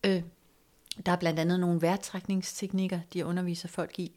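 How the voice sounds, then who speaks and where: Soft-spoken woman telling a personal story. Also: lowish voice, flat delivery. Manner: reflective, hesitant with fillers, drops to soft near-whisper at moments. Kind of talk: casual conversational storytelling.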